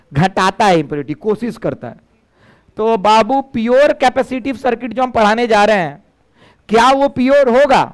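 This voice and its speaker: A man's voice: high voice, smooth. A male physics teacher, giving a lecture and coaxing students to call out answers. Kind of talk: classroom lecture.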